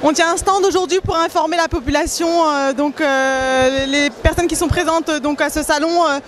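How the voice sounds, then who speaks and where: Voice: high-pitched, fairly even intonation, moderate pace, a bit bright, slight background noise. A volunteer explaining a campaign at an exhibition stand, speaking hesitantly with many fillers. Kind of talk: interview statement.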